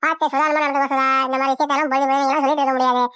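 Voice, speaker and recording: A woman's voice: sits high, flat delivery, racing, fairly bright tone, dry recording. A woman voicing a meddling, scheming neighbour in a cartoon, with a sly, gossipy manner. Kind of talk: cartoon voice acting.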